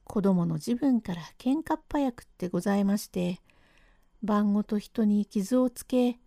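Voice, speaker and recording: A woman's voice: mid-range voice, a little slow, vocal fry, warm tone, no room sound, clean studio sound. A woman voicing a humble, hard-of-hearing old man in a rakugo storytelling reading. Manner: polite, rambling, mishears everything. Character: elderly male plasterer's father, hard of hearing, humble.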